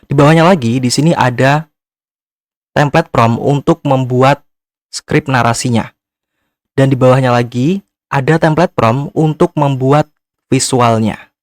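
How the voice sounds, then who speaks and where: A man's voice: mid-range voice, a little slow, long pauses, dry recording, clean studio sound. A man narrating a casual step-by-step screen tutorial, speaking informally and directly to viewers. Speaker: tutorial host.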